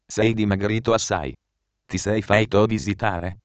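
A man's voice: on the low side, fairly even intonation, unhurried, no room sound, close to an everyday voice. A man voicing a stern, protective male friend who speaks bluntly and insistently. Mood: earnest.

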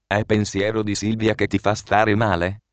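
A man's voice: lowish voice, completely flat delivery, moderate pace, no echo, natural voice. A man voicing a stern, protective male friend who speaks bluntly and insistently. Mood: earnest.

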